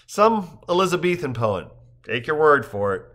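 A man voicing a bookish, wry adult man who recites poetry slowly in a measured way. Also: a little high, big pitch swings, fairly bright tone, pitched above the performer's own voice. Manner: slow, measured verse recitation.

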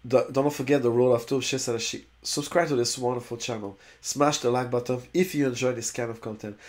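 With a brisk pace and a steady mid-range voice, the French-first-language crypto YouTuber, a man in his forties, reads from a website and chats about it at his desk. Long words often make him stumble and start over. He's indoors, shown in a webcam overlay on a screen share.

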